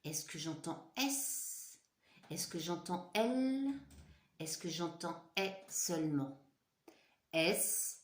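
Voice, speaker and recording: A woman's voice: lowish voice, lively intonation, slow pace, pauses often, echoey room. A woman teacher leading a phonics lesson for young children, spelling out letters one by one and praising the pupils. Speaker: primary school teacher.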